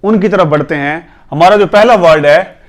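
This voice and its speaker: Man spelling out words, fairly high voice. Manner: spells words letter by letter and repeats them slowly; patient, corrective, often says "theek hai". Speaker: English pronunciation teacher. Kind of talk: instructional video lesson.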